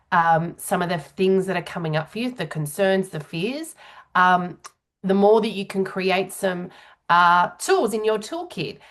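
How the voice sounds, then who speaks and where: Lower-voiced woman coaching public speaking, conversational. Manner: hesitant, filler-heavy, pausing mid-sentence as she explains.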